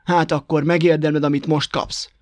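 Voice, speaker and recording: Male reader as a fussy storybook hare, courteous gone cross, a touch higher, dry close sound. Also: little pitch movement, no room sound, lightly acted. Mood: indignant. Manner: stiffly polite, then scolding. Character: prim, touchy male hare, quick to anger.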